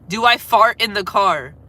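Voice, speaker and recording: With a close phone mic, a deep-voiced young woman from Florida, USA, talks casually to viewers during a music livestream. A cold leaves her congested and coughing, and her speech wanders, full of filler words, often tapering off to a hush.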